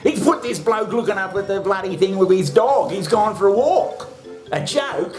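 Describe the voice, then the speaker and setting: A man's voice: high-pitched, normal speed, a little mellow. A man on a casual comic rant, blunt and sweary, full of fillers and chuckles. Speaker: commentator on the show. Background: music.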